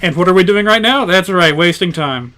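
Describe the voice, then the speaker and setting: A man's voice: sits high, lively intonation, brisk, sharp tone, slight background noise. A man doing casual live game commentary as a streamer, in a wry, rambling way.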